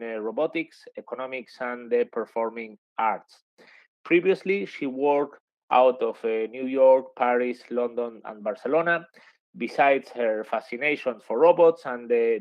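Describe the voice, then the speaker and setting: A man's voice: mid-range voice, no echo. A man moderating a webinar, introducing speakers and asking questions with many hesitant fillers. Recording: dry, dull lo-fi sound.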